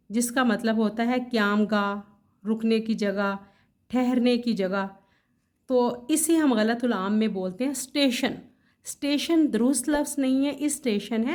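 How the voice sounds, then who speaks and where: A woman teaching correct word pronunciation in a vlog lesson, spelling out each word slowly and carefully, correcting herself with casual asides. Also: fairly high pitch, a little mellow. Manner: slow, careful spelling out of words letter by letter. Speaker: Urdu language teacher.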